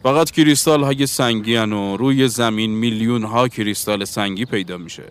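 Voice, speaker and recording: A man's voice: on the low side, smooth, natural voice. A man reading the part of a bookish Englishman, earnest and lecturing, in an audiobook. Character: bookish Englishman seeking a universal language.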